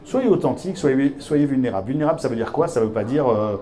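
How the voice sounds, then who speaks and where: Man, workshop speaker, warm dark voice, emphatic, repeats key words, handheld mic. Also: medium pitch, lively intonation, quick pace. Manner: emphatic teacher, repeats key words, addresses audience directly. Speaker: speaker giving a masterclass. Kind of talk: live workshop talk to business leaders. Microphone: handheld microphone.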